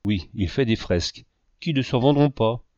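A man reading as a flattering, scheming suitor. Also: mid-range voice, moderate pace, dry recording, lightly acted. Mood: insistent. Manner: insistent, flattering. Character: scheming, self-pitying grown man, a would-be seducer. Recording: dull lo-fi dry recording.

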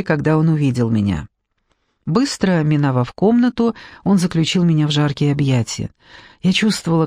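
A man narrating an audiobook in the first person, measured storytelling. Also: fairly high pitch, vocal fry, darkish tone, no echo, studio quality.

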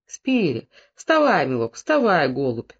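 A man reading aloud voices a rough, bullying peasant master who shouts at his young worker. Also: high voice, lively intonation, fast, lo-fi sound. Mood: mock-tender. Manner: mock-tender then shouting, rough.

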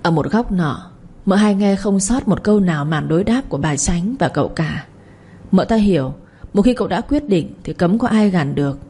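A woman's voice: lowish voice, expressive, normal speed, mellow, husky. A woman narrating a serialized family drama, reading every character's lines herself. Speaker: storyteller.

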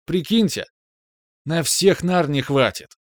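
A man's voice: fairly high pitch, slow, no echo, studio quality, pitched above the performer's own voice. A man doing a heated young ranter. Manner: excited, declaiming.

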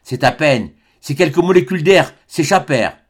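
A man narrating a classic adventure novel in a measured, expressive storytelling manner. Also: a little high, breathy edge. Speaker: audiobook narrator. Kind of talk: scripted narration.

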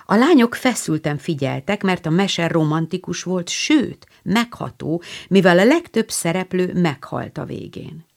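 A woman reads a classic novel aloud in a rather low voice. Her pitch is lively and moves a lot as she narrates. She tells the story with clear expression. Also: few pauses. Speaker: audiobook narrator. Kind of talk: scripted narration.

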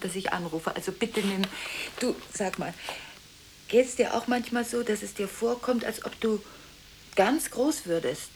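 A woman's voice: a little high, slight background noise, close to an everyday voice, poor audio. An actress in a 1980s radio play, playing a restless, anxious woman who rambles on the phone late at night. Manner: rambling, searching, intimate.

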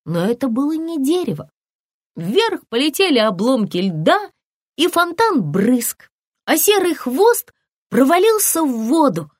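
A woman narrating a children's audiobook in an expressive storytelling voice, recorded on a close microphone. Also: measured pace, no echo. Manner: expressive storytelling with lively pitch.

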